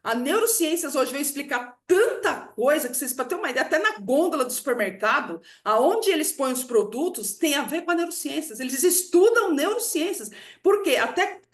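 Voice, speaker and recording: A woman's voice: sits high, big pitch swings, fairly quick, few pauses. A woman with a Brazilian Portuguese accent gives a casual, explanatory talk on emotions. She speaks conversationally and often ends points with a questioning "né". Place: room at a country house. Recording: roomy echo.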